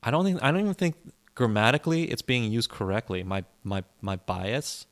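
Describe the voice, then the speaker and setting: A man co-hosts a casual podcast chat, speaking English as his first language. His mid-range voice is fairly bright and brisk, with big swings in pitch. He's opinionated and rambling, repeating himself and restarting sentences often.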